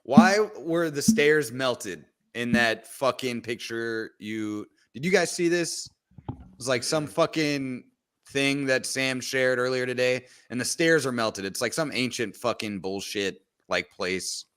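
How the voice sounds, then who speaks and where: A man's voice: mid-range voice, measured pace, clear, resonant tone. A man co-hosting a casual podcast with friends, profane and laughing as he tells stories. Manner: profane, laughing, animated storyteller. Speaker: podcast co-host. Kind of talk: casual banter among friends. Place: home setup on a live stream call.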